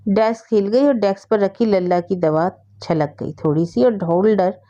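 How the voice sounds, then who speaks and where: A woman reads a story aloud in a steady, expressive way. Her voice is mellow and warm, and the recording has a slightly dull, lo-fi sound. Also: medium pitch, moderate pace.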